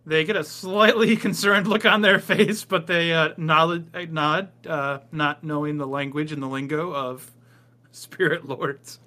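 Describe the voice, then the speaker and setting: A man's voice: on the high side, steady tone, measured pace, bright, forceful tone. A man narrating a tabletop game as game master, improvising loosely with lots of ums and uhs.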